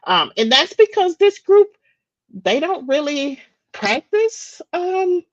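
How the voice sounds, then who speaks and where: A woman's voice: sits high, big pitch swings, slow, dry recording, muffled recording. Chatty American woman reading daily facts. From United States. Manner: chatty, with frequent restarts and fillers. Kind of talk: casual live-stream chat.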